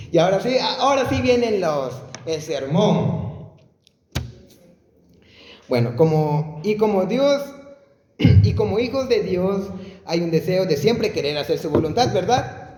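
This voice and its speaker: A man delivers a sermon in an unhurried, high voice, questioning his listeners directly. The sound is roomy with a long hall reverb and faint background noise. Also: big pitch swings, dark tone. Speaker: preacher.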